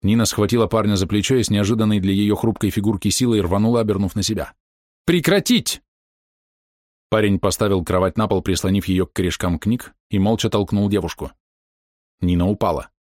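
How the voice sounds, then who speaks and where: Man, audiobook narrator, low voice, steady reading, dry close sound. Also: fast talker, no room sound.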